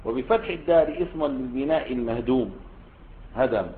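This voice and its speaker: A man's voice: fairly high pitch, animated, moderate pace, a little hiss or hum. Male teacher, lecture style, asks and answers his own questions; raised voice, narrow tinny recording. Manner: explanatory, rhetorical questions to students. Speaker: Islamic scholar teaching a text. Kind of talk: classroom lesson explaining a classical text.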